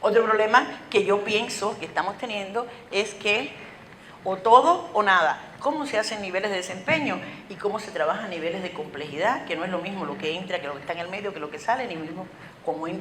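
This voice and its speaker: A woman with a Cuban accent giving a lively, very fast lecture to teachers, asking many rhetorical questions. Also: mid-range voice. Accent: Cuban Spanish. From Cuba. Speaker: conference speaker. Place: school auditorium. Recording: echoey hall with faint noise.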